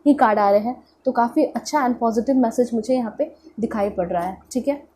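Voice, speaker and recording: With a cold leaving her voice congested and nasal, an Indian-accented tarot reader runs through an informal reading, dropping in English words and returning to check-in phrases. She speaks a little high and a little fast, with a dark tone. A faint hiss or hum is audible.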